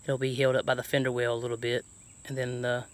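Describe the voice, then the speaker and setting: This truck camping vlogger, a folksy Southern American man, speaks quickly at medium pitch in a completely flat delivery while thinking aloud. His casual DIY chat to camera is caught on a handheld phone at arm's length, outdoors and inside a truck bed near an open garage.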